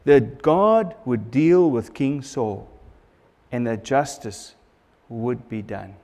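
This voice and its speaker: A man's voice: mid-range voice, animated, takes it slowly, mellow, long reverb tail. A middle-aged man preaching a sermon at a church pulpit, earnest and repeating phrases for emphasis, on a lapel mic. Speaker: pastor.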